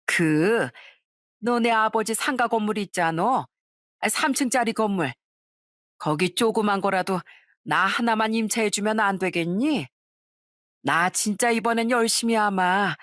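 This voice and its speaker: A woman's voice: a little slow, fairly bright tone, no room sound, studio quality, lightly acted. A woman voicing a pushy, shameless older mother-in-law in an audio story, with a demanding, wheedling manner. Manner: demanding, wheedling then shrill.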